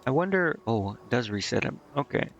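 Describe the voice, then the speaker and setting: With a slightly fast, sing-song delivery at medium pitch, this man streams a video game and comments casually, rambling and hesitating as he thinks out loud. Game music plays behind him, and the audio is dull.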